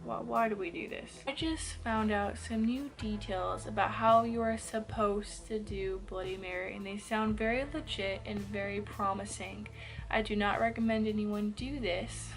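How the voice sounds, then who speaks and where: A woman vlogger telling creepy stories in a casual, rambling way, full of fillers and swearing, acting out what people said. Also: medium pitch. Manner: chatty, lots of "like" fillers, swears, acts out quotes. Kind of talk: casual storytelling to camera.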